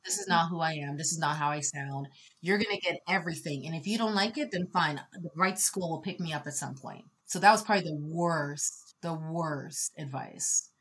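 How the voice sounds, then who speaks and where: A woman in her thirties is a podcast guest in a casual conversation, expressive and moving between soft reflection and loud, laughing energy. She has a deep voice at a moderate pace, with a little hiss or hum in the recording.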